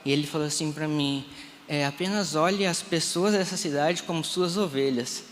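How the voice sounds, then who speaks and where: A man's voice: fairly high pitch, normal speed. A man in his thirties from Brazil, a pastor giving an emotional testimony in a live church service, acting out the conversations he retells. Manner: emotional storytelling, re-enacting dialogue. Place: church sanctuary. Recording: reverberant hall, faint room noise.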